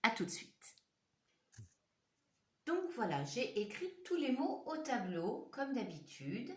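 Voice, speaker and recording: Here a primary school teacher, a woman with a fairly high but darkish voice and big pitch swings, gives young children a slow, clearly articulated phonics lesson. She repeats words syllable by syllable and speaks straight to the children, asking questions. The mic is distant, and the classroom or home room with a whiteboard sounds echoey.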